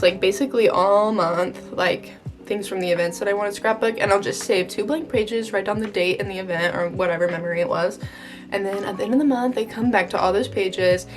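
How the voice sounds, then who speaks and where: A young American woman talks in a casual, chatty vlog style with a gushing valley girl delivery. Her voice sits at an average pitch for a woman, and music plays behind her. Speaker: vlogger. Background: background music.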